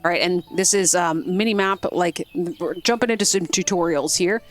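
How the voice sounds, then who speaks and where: A woman's voice: lowish voice, moderate pace, faint music behind. A woman game streamer giving casual, rambling gameplay commentary with lots of fillers.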